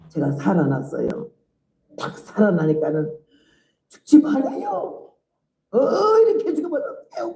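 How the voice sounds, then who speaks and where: Animated older woman preaching testimony. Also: mid-range voice, roomy sound, poor audio. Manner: animated, vivid storytelling with laughs. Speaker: missionary preacher. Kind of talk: sermon testimony.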